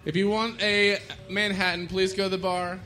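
A man's voice: high voice, little pitch movement, moderate pace, sharp tone, faint music behind. A man hosting a live comedy trivia show on a bar stage, joking and laughing between lines. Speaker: game show host. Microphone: stage microphone.

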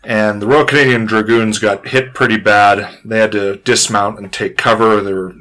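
A man talking through history in a casual but informative way, measured and precise, with careful qualifications. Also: on the low side, steady tone, sharp tone, poor audio. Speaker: history discussion speaker.

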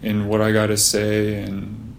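A man's voice: fairly low pitch, completely flat delivery, a little slow, vocal fry, slight background noise. A young man telling a story in casual chat, rambling and full of fillers. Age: young adult.

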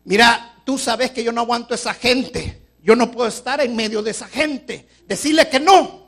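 A man's voice: high-pitched, animated, a little slow, a bit bright, slightly rough, voice pushed up, full character voice. A man preaching who acts out a self-centered woman, moving between pleading prayers and brusque refusals. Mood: impatient refusal. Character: pious but self-centered praying woman.

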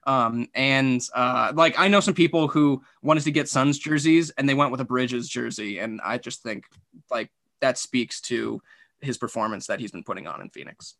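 Bright-voiced man, rambling sports chat. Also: mid-range voice, moderate pace, creaky. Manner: rambling, heavy use of "like". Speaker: podcast host.

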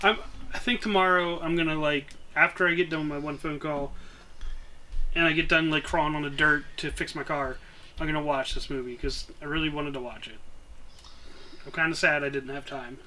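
A man co-hosting a casual film podcast, playful and quick with silly bits. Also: a little high, steady tone, bright, forceful tone, slight background noise, poor audio. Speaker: podcast co-host. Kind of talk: casual chat.

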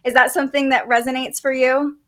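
Gentle explanatory woman, higher voice. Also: little pitch movement, brisk. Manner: gentle, explanatory, with light laughs and fillers. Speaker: podcast host reading an astrology chart. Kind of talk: conversational astrology reading.

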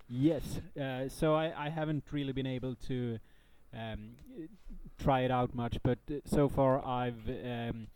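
A man chatting casually as a podcast co-host in a halting, hesitant way. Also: mid-range voice, steady tone, darkish tone, smooth.

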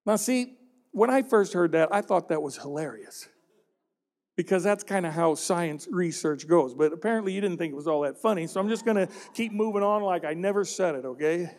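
A man's voice: high-pitched, fairly quick, a little mellow. A middle-aged man preaching a sermon, with playful joking asides to the congregation. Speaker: pastor.

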